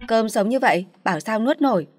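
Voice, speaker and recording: A woman's voice: a little high, lively intonation, fairly quick, dry recording, studio quality, voice pushed up. A woman voicing a spoiled, contemptuous young woman, the older sister. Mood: snappish. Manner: snappish, contemptuous.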